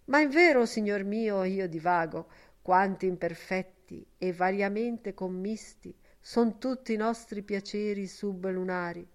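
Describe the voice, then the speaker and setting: A woman reading the part of a sentimental, lovestruck gentleman who speaks in an ornate, emotional old-fashioned way. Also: medium pitch, a little slow, close to an everyday voice. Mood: lamenting.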